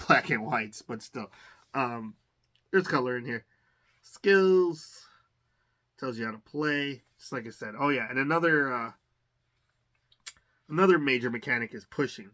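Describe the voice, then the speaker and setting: An adult unboxing channel host speaks with a medium-pitched voice that's bright and forceful. Casual and rambling, he halts often with fillers and restarts while thinking aloud, enthusiastic about each thing he pulls from the box.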